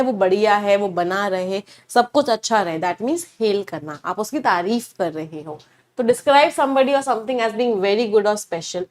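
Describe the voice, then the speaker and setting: A young woman teaching English vocabulary online, explaining each word in Hindi mixed with English and asking herself rhetorical questions. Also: medium pitch.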